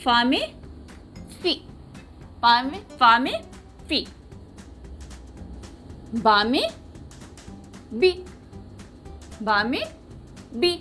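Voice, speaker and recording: Lady teacher for little kids, talks slow, repeats every sound. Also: sits high, wildly swooping pitch, pushed and bright, soft background music. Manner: patient, repeats each sound with a question. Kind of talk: children's writing lesson.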